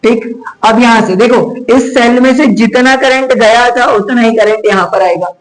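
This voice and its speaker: A man's voice: very high voice, steady tone, normal speed, rough recording. A man teaching a physics class, chatty and teasing, scolding students to focus and mixing in English terms. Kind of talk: classroom lecture.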